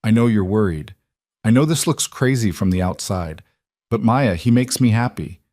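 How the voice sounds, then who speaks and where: A man's voice: lowish voice, animated, moderate pace, darkish tone, dry recording, clean studio sound, close to an everyday voice. A man voicing a young woman nurse in a read-aloud story, earnest and anxious.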